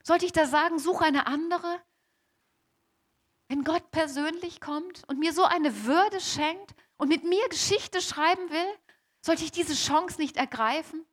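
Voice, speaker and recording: A woman speaking in character as a young, devout Mary in a first-person sermon, slow and emphatic, repeating key phrases and addressing the congregation directly. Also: extremely high pitch. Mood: earnest. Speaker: preacher in character.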